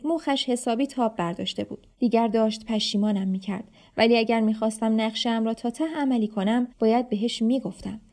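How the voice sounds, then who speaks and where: A woman reading a children's story aloud in the first person, lively and expressive. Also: fairly high pitch. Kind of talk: storybook narration.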